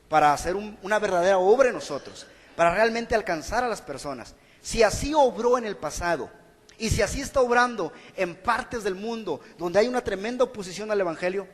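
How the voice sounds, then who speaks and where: High-voiced pastor preaching. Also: male voice, big-room sound. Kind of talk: sermon. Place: church hall.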